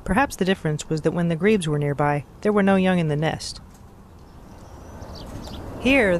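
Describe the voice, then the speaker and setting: A man reading scripted nature documentary narration in a measured, factual, explanatory manner. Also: on the high side, background noise.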